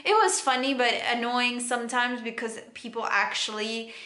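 A young woman from Cyprus with a Greek Cypriot accent, chatting casually to camera in an animated, laughing way from a bedroom. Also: fairly high pitch, moderate pace. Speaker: vlogger. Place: bedroom, indoors. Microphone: camera in front, close framing. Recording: echoey room with faint music.

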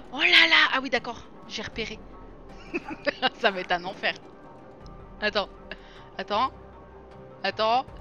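A young woman chatting through a co-op video game session, excitable and self-mocking, often laughing and shouting at the game. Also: on the high side, highs cut off. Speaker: streamer playing a co-op video game. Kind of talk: casual let's-play chatter.

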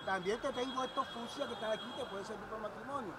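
A man's voice: sits high, sharp tone. A man working as a street shoemaker, brusque and defensive as he argues outdoors. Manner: brusque, defensive, fast-talking. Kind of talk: heated street argument.

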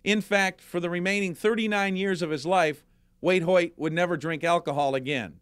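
Dry measured male documentary narrator. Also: high-pitched, smooth, no room sound. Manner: measured, even delivery. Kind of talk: scripted narration.

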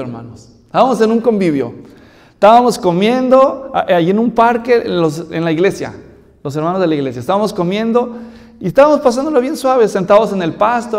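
A man's voice: sits high, darkish tone, in a large hall. A male pastor preaching a sermon, telling a story and asking rhetorical questions.

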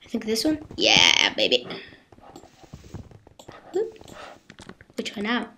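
A woman giving casual gameplay commentary on a headset, excitable and exclaiming, with non-native phrasing. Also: a little high, moderate pace, slight background noise. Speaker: gamer playing on a server.

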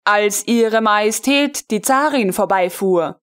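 A woman's voice: medium pitch, slow pace, natural voice. A woman reading the meek answers of a naive young male soldier in an audiobook.

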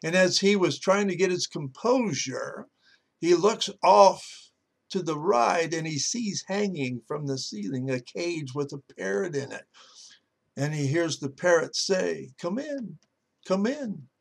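A man's voice: a little high, animated, unhurried, gravelly. A male pastor giving a motivational devotional talk in a folksy storytelling way, with lots of "uh" fillers.

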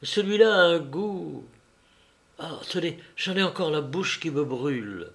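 A man reading an audiobook voicing a frightened young rich woman who speaks softly and hesitantly. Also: fairly high pitch, lively intonation, measured pace, creaky, a little hiss or hum, full character voice. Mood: pained. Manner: soft, hesitant and faltering.

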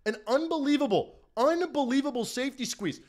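A sports-fan streamer in his twenties recaps the game live from a small home room through a desk mic in front of his face. He sounds very high-pitched, expressive and a little mellow, talking fairly quickly. Hyped and repetitive, he keeps addressing everybody in the chat.

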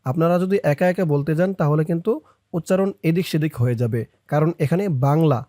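Speaking quickly between slow, drawn-out chanted phrases, a teacher leads a step-by-step recitation lesson and asks viewers to repeat each line. The voice is medium in pitch and warm, captured dry with studio quality.

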